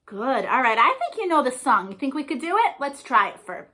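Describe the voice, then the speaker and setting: This librarian's storytime voice is high, sing-song, and sharp-toned, and she talks fairly quickly. She reads to young children and chats with them encouragingly, mixing in questions and praise.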